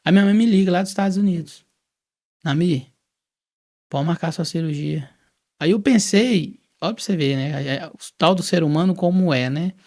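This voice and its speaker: A man from Brazil with a somewhat high, gravelly voice tells his testimony as a guest. He talks casually and acts out each quoted exchange as he goes. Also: normal speed. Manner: lively storyteller who acts out quoted dialogue.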